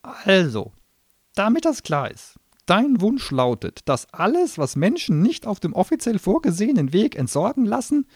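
A man voicing a sarcastic, hot-tempered little male gnome demon who grants wishes, shrill and mocking, in an audiobook reading. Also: big pitch swings, moderate pace, slightly rough, no room sound, studio quality, heavily acted. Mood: pedantic.

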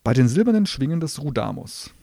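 A man's voice: medium pitch, big pitch swings, fairly quick, creaky, mellow, dry recording, studio quality, pitched above the performer's own voice. A man doing a firm, bold young girl. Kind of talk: audiobook reading.

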